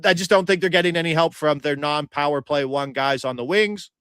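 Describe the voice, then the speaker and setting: A man's voice: on the high side, fairly quick, fairly bright tone, clear, resonant tone, dry recording, clean studio sound. A young man hosting a sports betting chat, feisty and argumentative, firing off stats.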